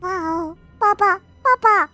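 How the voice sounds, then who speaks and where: A woman's voice: very high voice, unhurried, pushed and bright, faint music behind, pitched above the performer's own voice, heavily acted. A woman doing a squealing baby duckling. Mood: excited. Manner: squealing, eager. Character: tiny, cheerful baby duckling.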